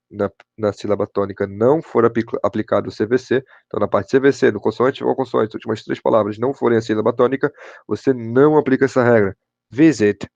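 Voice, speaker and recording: A man's voice: lowish voice, vocal fry, darkish tone, dry recording, dull audio. A man with a Brazilian Portuguese accent teaching an online English grammar class, often checking in with his students. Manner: repeats "show de bola" and "pessoal", checks in with students.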